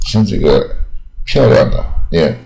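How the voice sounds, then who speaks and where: A man with an extremely low, rumbling voice runs a patient pronunciation lesson. He sounds out each word slowly and repeats it again and again. He keeps tagging his phrases with a soft trailing "ah". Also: very animated, creaky, low-quality recording. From Taiwan. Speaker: English pronunciation teacher. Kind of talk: teaching pronunciation.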